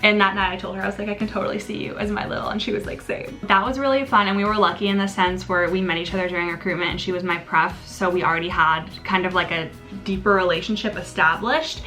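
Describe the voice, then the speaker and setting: A woman's voice: mid-range voice, fairly even intonation, fast talker, sharp tone, soft background music. A young American woman telling a casual storytime vlog like a bubbly sorority girl, gushing and giggly, with lots of "like" in her talk. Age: young adult. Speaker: vlogger, sorority member.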